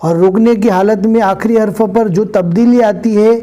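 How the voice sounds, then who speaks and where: A man teaching Quran reading, reciting verses in a slow drawn-out chant and then quickly explaining pronunciation, repeating words for practice. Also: high voice, fairly even intonation, dark tone. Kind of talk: Quran recitation lesson with Hindi-Urdu explanations.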